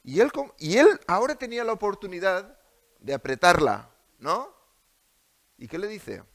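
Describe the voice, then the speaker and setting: A man's voice: sits high, big pitch swings, moderate pace, vocal fry. A male preacher with a Spanish accent delivering a sermon in a church, asking the congregation many rhetorical questions. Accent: Spain.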